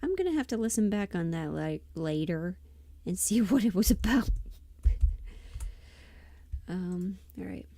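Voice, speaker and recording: A woman chats on her livestream while she works, her lowish, mellow voice animated yet measured, with long pauses. A host and audio performer, she's casual and often mutters half to herself before trailing off.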